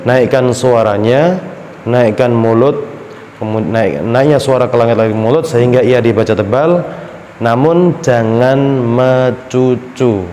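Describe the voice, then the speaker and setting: A man teaching Quran recitation in a tajweed lesson with an Indonesian accent, slowly drawing out each syllable as he demonstrates. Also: medium pitch, dark tone. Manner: slow, drawn-out syllable-by-syllable demonstration. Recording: roomy hall with long reverb, faint background hum.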